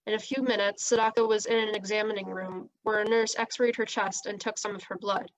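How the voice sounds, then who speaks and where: A woman reads a children's novel aloud in a steady, expressive storytelling voice. Her pitch sits in an ordinary middle range. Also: brisk, rough recording. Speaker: reader.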